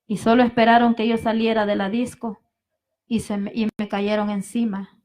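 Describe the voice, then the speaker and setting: Woman giving an earnest, flat church testimony. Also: a little high, normal speed. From El Salvador. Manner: earnest, repeatedly addresses the congregation as brethren. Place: evangelical vigil service.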